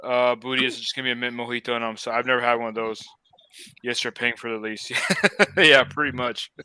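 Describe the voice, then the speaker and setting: Chatting casually on a live stream, this young Los Angeles-area host rambles along, filling gaps with lots of fillers. He speaks briskly in a mid-range voice with fairly even intonation and a sharp, smooth tone, recorded dry.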